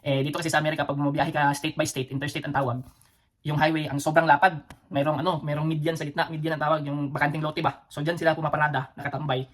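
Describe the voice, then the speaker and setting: This vlog host, a Filipino man with a Cebuano accent, is a fast talker with a higher voice and little pitch movement. He's an adult former soldier and a father, and his casual storytelling wanders, packed with fillers, restarts and chuckles between phrases.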